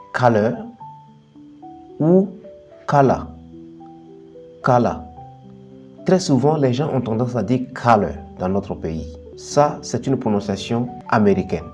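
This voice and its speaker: A man hosting a bilingual English lesson, explaining pronunciation and slowly modelling word pairs one after another. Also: medium pitch, mellow. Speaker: English teacher, channel host.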